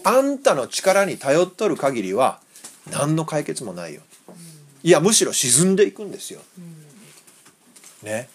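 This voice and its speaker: Male pastor, storytelling sermon; very expressive pitch, plays every part, keeps checking in with listeners. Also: measured pace, pauses often, breathy edge. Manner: animated, acts out voices, quizzes the audience. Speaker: pastor teaching children. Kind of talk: lively Bible lesson.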